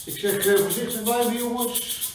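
A squeaky, high-pitched character voiced by a man gives slow, drawn-out parting advice. The voice sounds distant in a very roomy, echoing space. Music plays clearly behind it. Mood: cheerful.

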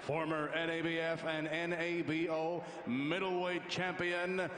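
A man's voice: fairly high pitch, level tone, fairly bright tone. Echoey, ceremonious male boxing ring announcer. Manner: ceremonious, drawn-out delivery of names. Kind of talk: formal boxing ring announcing, bilingual French and English. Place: boxing ring in a large indoor arena. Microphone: handheld microphone. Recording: echoey arena PA, background noise.

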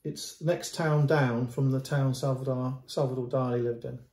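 With a medium-pitched, slightly mellow voice at a moderate, fairly even pace, a middle-aged antiques dealer casually shows a painting to a close-up camera indoors at home. He gestures at the canvas, often restarting and repeating words, and the sound has a roomy echo.

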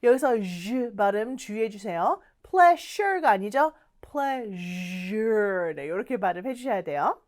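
A woman's voice: on the high side, big pitch swings, normal speed, few pauses. A young woman teaching English to learners in an online lesson, coaxing and acting out little dialogues.

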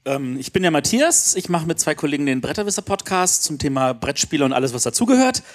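A man's voice: a little high, very animated, quick pace. A man introducing himself as a podcaster at a workshop in a large seminar room, chatty and joking. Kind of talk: self-introduction.

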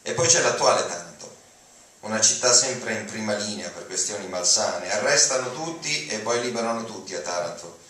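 In an auditorium, a man stands at a lectern and reads prose to an audience in a declamatory, dramatic style. His lowish voice is expressive, pushed and bright at a moderate pace. A far camera captured the lectern mic, so the hall sounds echoey and distant, with room noise.

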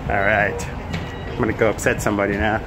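A man's voice: fairly low pitch, level tone, fast, over music. A middle-aged man giving a chatty running commentary for a casual flight-review vlog, filmed on a handheld camera at arm's length in an airport and plane cabin. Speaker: travel vlogger. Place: busy airport gate and airplane cabin. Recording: loud cabin and airport noise.

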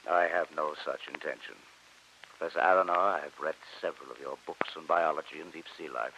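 An actor playing a proud, embittered submarine captain in an old radio drama, imperious, formal and theatrical. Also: male voice, extremely low pitch, steady tone, fairly quick, vocal fry, bright, forceful tone, slight background noise, heavily acted. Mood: courteous, commanding. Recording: muffled old radio recording.

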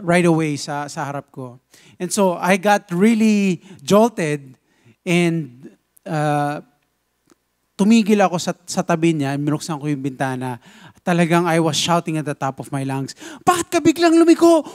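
A pastor with a Filipino accent and a fairly high voice preaches a sermon, telling a lively story and switching between Tagalog and English.

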